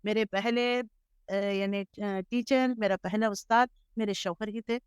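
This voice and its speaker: A middle-aged woman from Hyderabad, India, telling her life story as an interview guest in a measured, earnest way. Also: mid-range voice, steady tone, clear, resonant tone, dry recording, clean studio sound. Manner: measured, earnest storytelling with English words mixed in. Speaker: interview guest, Islamic scholar.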